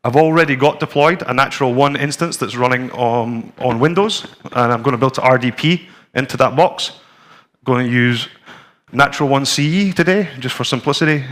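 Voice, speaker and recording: A Scottish man in his forties walks a conference room, complete with screen and audience, through slides and a live tech demo. He talks in a relaxed, plain and easygoing way at a middle pitch, brisk in pace, with lots of ums and restarts.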